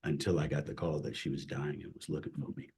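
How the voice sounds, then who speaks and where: A middle-aged man, a chaplain, telling his personal faith story as an interview guest in an earnest, emotional way that drops to a hush at hard moments. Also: very deep voice, steady tone, fast talker, gravelly, breathy edge. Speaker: chaplain and CPE director, guest.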